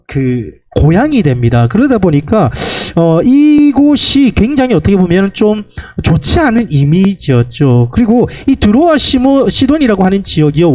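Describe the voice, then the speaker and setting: A middle-aged male pastor preaching a Sunday sermon. He tells stories and keeps putting questions to his congregation. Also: dark tone. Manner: storytelling, asks the congregation questions; swings between high pleading and low drawn-out endings.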